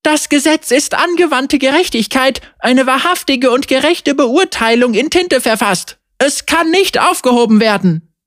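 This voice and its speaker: A woman's voice: high-pitched, animated, measured pace, no echo, clean studio sound. A woman voicing an immortal winged female guardian who speaks in a stern, raised, commanding voice.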